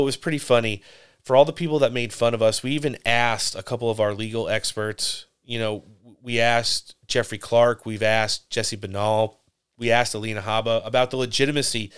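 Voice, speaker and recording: Brash man with a smooth clear voice. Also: mid-range voice, fairly bright tone. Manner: brash, opinionated, swears freely. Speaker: podcast co-host. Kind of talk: casual political commentary.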